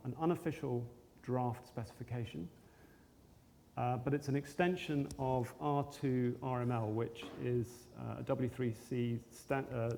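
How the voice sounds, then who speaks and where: Guy giving a tech talk in a big echoey hall, lots of ums, warm low-key voice. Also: creaky. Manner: hesitant, frequent ums and restarts. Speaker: conference speaker. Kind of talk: technical presentation. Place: conference hall. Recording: roomy hall with long reverb, faint noise.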